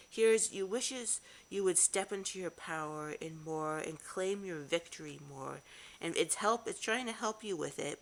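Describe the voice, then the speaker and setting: Woman tarot reader, lowish voice, halting and musing, casual spoken reading. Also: a bit bright. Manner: musing, halting, many restarts.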